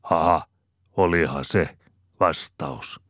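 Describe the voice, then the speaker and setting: A man voicing a gruff, hearty older farm boss who talks loudly and bluntly. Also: very deep voice, dry recording, studio quality. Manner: loud, guffawing, blunt.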